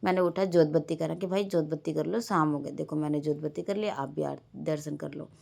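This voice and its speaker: A woman's voice: low-pitched, steady tone, fairly quick, vocal fry, darkish tone. A woman, a mother, casually narrating her day over a home vlog and quoting her children along the way. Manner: rambling everyday storytelling, quoting her children. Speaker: vlogger and mother.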